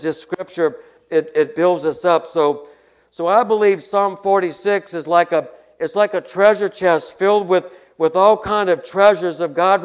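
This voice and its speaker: A man preaching a sermon in an earnest way, often repeating and restarting words, and reading scripture aloud louder and slower. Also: sits high. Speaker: pastor.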